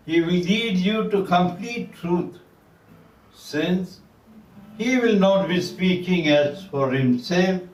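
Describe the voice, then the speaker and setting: A man reading the Gospel aloud as a priest at Mass, in a slow, measured liturgical way, with a cathedral echo. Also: on the high side. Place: large church. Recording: echoey church, voice far from mic.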